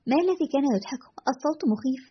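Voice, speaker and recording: A woman's voice: high-pitched, animated, rapid-fire. A woman voicing a frightened young woman caller to a radio show, with an anxious, pleading manner. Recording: dull lo-fi recording.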